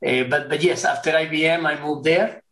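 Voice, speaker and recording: A man's voice: fairly high pitch, steady tone, moderate pace, fairly bright tone. Middle-aged man in an echoey room. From Argentina. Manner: courteous, hesitant with repeated words. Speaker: guest professor. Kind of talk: webinar interview.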